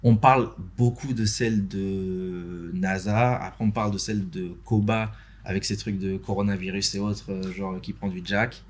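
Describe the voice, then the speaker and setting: Sitting in a podcast studio, a young adult from Benin, a motion designer and interview host appearing as a guest, chats informally with many hesitations, fillers, and restarts. His voice is low and steady in tone, at a normal speed.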